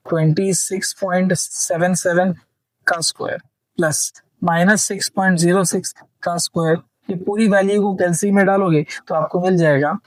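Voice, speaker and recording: On a low-quality recording with no echo, a high-pitched man patiently teaches engineering, working through a problem step by step. He checks in with students often, repeating "theek hai," and slips English technical terms into Hindi speech.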